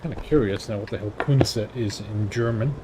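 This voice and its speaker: Playing a tank game live, the male stream host talks at a normal speed in a fairly low voice. The commentary is casual and wry, dry enough to sound half-directed at himself, and the engine rumble and battle sounds of the game are plainly heard.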